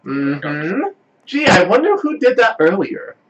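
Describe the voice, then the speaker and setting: Animated high-voiced game master, a man. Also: slow, dull audio. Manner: animated, laughing, lively pitch swings. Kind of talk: narrating a tabletop game.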